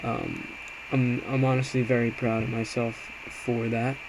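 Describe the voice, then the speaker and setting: An amateur day trader talks through a screen in an informal, hesitant, self-reflective recap of his trades. His voice is mid-range and a little slow. The recording is clear, with steady background noise.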